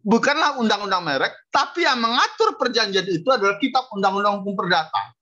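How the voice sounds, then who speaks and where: A woman's voice: mid-range voice, animated, fast talker, sharp tone. A woman law lecturer giving a university lecture, explaining through everyday example cases and checking in with her class after nearly every point. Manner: peppers points with "gitu" and "oke?" checks. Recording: dull lo-fi recording.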